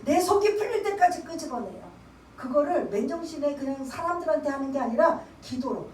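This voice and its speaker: A high-voiced woman pastor preaches in a conversational way, putting questions to the congregation and acting out her own pleas in prayer. She is picked up from a distance in a reverberant church, with faint room ambience behind her. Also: animated, fairly quick, a little mellow, slight background noise. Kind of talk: sermon. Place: church sanctuary. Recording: echoey church, from far off.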